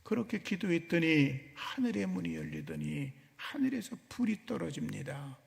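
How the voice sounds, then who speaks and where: A man's voice: on the high side, wildly swooping pitch, normal speed, vocal fry. A middle-aged male pastor preaching a sermon in a church, telling the story with dramatic flair. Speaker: senior pastor. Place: church sanctuary. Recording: church hall with long reverb.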